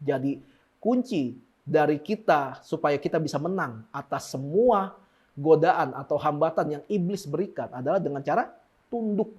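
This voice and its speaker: High-voiced joking man preaching. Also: darkish tone, husky. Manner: joking, slangy, mimics lazy and bossy prayers. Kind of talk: casual sermon with mock impressions.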